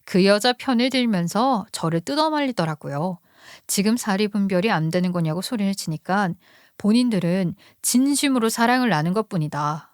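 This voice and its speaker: A woman's voice: medium pitch, animated, normal speed, no room sound, studio quality. A woman narrating a first-person story script in a plain recounting tone.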